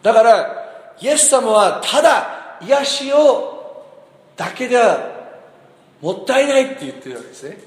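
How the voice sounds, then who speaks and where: A man preaches in a high, lively voice that swoops up and down as he acts out quotes and keeps asking his listeners questions. His sermon rings through a roomy hall with a long echo. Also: a little slow, pauses often. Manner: animated, asks the congregation questions, acts out quotes. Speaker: pastor. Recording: echoey hall.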